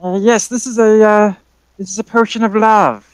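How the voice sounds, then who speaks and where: A game master voicing a fussy, polite old woman shopkeeper who appraises items, speaking slowly with hesitations. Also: medium pitch, fairly even intonation, very noisy, voice pushed up, close to an everyday voice. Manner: slow, polite, hesitant with many ums. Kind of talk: tabletop game character voice.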